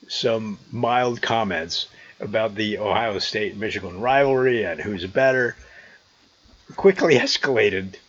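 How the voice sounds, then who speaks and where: Animated American man vlogging, slightly husky. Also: mid-range voice, highs cut off. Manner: amused, chuckling conversational storyteller. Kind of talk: casual chat, storytelling. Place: outdoors on a trail.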